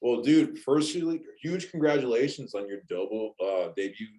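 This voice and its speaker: A man's voice: medium pitch, expressive, moderate pace, dark tone. A man hosting a casual rock interview in an upbeat, chatty way, laughing often. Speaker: interview host.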